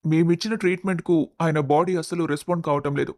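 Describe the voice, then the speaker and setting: A man voicing a serious hospital doctor in a storybook, giving bad news in a measured, formal way. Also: a little high, steady tone, darkish tone, no echo, natural voice. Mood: grave. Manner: grave, formal. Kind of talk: storybook voice acting.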